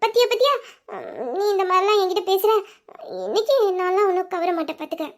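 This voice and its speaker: Woman voicing Nila, a very high-voiced shy young bride. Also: fast. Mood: coy teasing. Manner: coy and teasing, turning tearful and gushing. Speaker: voice actor in an audio drama. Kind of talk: romantic audio drama acting.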